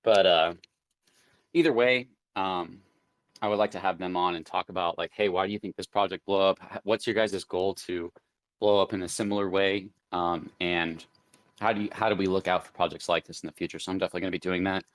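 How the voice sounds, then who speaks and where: A man with a very low voice hosts a casual live chat, rambling and thinking aloud with plenty of fillers. The sound is dry and close, with no room around it. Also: fairly even intonation, fairly quick, no room sound. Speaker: crypto show host.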